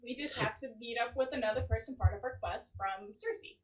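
A woman's voice: a little high, sing-song, brisk, gravelly. A woman playing a tabletop game, chatting casually, recorded at a distance in an echoey room.

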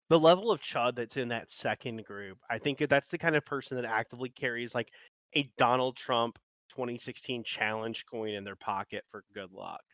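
A man's voice: mid-range voice, normal speed, fairly bright tone, no echo. A man co-hosting a casual podcast chat, ranting and rambling with lots of "like" and restarts. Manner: rambling, ranting, heavy use of filler "like".

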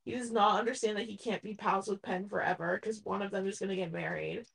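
A woman co-hosting a podcast while high, chatting casually with wry jokes and fits of giggles. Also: fairly even intonation, fast talker, gravelly, poor audio. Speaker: podcast co-host. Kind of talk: casual chat.

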